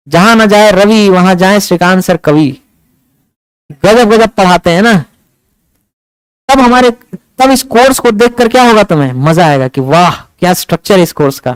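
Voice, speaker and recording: Male teacher, high clear voice, dry sound, lecturing a classroom and quizzing students. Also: no echo, rough recording. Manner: animated, asks the class questions. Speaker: English teacher.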